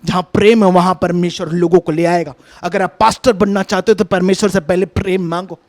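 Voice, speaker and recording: A man's voice: sits high, steady tone, fairly quick, darkish tone. A man preaching a sermon over a video call, talking conversationally, coaxing his listeners and repeating his instructions. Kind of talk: online sermon with a hands-on demonstration.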